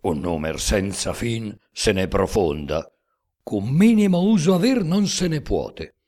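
A man recites epic poetry in a slow, declamatory style. His deep voice swings through wide, dramatic rises and falls. He lingers on each line. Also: big pitch swings, a little mellow. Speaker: reader.

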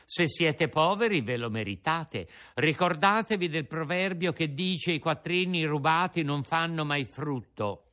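A man reading aloud, voicing a lively, earnest wooden boy puppet. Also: on the high side, unhurried, few pauses, pitched above the performer's own voice.

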